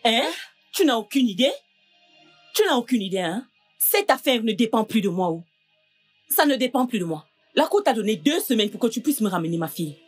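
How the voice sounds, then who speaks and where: A woman's voice: fairly high pitch, very animated, fairly quick, slightly rough, faint music behind. An actress dubbing a grieving mother of a missing daughter, speaking with strong emotion. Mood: accusing. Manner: emotional, accusing and grateful by turns. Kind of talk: dubbed film drama.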